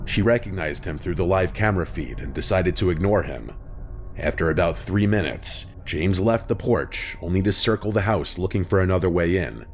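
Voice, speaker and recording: Deep-voiced man narrating a true-crime story. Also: a little hiss or hum. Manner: even, measured storytelling delivery. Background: music bed.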